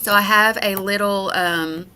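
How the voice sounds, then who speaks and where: A woman's voice: mid-range voice, fairly even intonation, unhurried, sharp tone, slight background noise. A woman teaching a character lesson to children. She checks in with "okay?" after nearly every point and explains patiently. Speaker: school educator.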